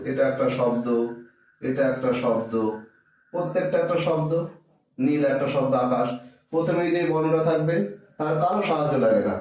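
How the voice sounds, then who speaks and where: A man's voice: a little high, darkish tone, far from the mic. A man teaching children to read, patiently sounding out syllables and answering his own questions. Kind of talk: children's reading lesson. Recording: very echoey room, voice off-mic.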